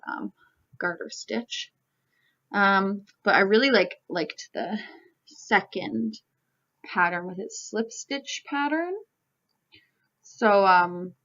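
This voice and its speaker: This knitting vlogger, a young woman from Canada, has a somewhat low voice with a touch of brightness. Her casual talk wanders, thick with "like" and "um" fillers, and the home recording sounds a bit dull.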